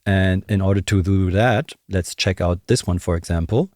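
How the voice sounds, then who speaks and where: This young man teaches music production in a conversational tutorial, thinking aloud at a close desk microphone with headphones on in a small indoor home studio. His low, slightly mellow voice moves at a moderate pace with no room sound, over music and drum samples.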